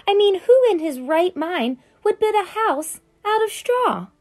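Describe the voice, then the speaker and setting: A woman voicing a sly, smooth-talking male wolf who tells his side of the story in a chatty, conspiratorial way, read aloud from a children's picture book. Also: extremely high pitch, very animated, a little slow, a little mellow, voice pushed up, heavily acted.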